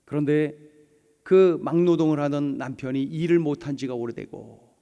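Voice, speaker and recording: A pastor preaching a sermon, emphatic and repetitive, leading the congregation to read and repeat after him. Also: male voice, on the high side, steady tone, normal speed, warm tone, big-room sound, dull audio. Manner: emphatic, repetitive, leads congregation in call-and-response. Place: church sanctuary.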